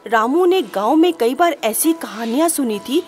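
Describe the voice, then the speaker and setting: A woman's voice: high voice, animated, normal speed. A woman narrating a scripted story in a dramatic, suspenseful manner, over background music.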